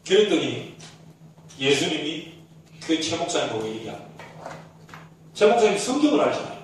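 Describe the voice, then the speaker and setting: Male pastor, high voice, animated sermon storyteller, miked from afar in a boomy church. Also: moderate pace, a little hiss or hum. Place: church sanctuary. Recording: echoey church hall, distant mic.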